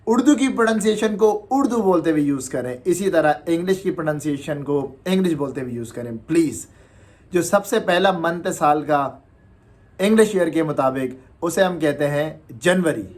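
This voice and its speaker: A man giving a casual video lesson on English pronunciation, mixing Urdu and English and repeating words slowly for drilling. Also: on the high side. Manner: slow, drawn-out demonstration of words.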